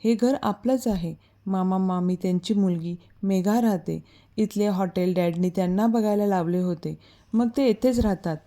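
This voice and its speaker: A woman's voice: mid-range voice, moderate pace, mellow, natural voice. A woman voicing a protective young man who gives firm, caring orders, in a storybook reading.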